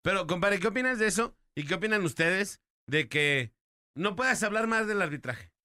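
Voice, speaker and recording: A man's voice: sits high, lively intonation, normal speed, pushed and bright, no room sound, studio quality. A man with a Mexican accent co-hosting a radio show, giving his opinions in a casual, argumentative way. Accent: Mexican Spanish. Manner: opinionated, argumentative, calls others "compadre". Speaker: radio co-host. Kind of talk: casual sports chat.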